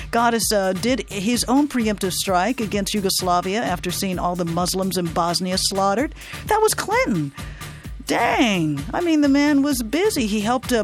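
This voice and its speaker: A radio host talking in an informal, free-form way, hesitant and often digressing. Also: mid-range voice. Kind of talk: free-form, rambling late-night radio talk.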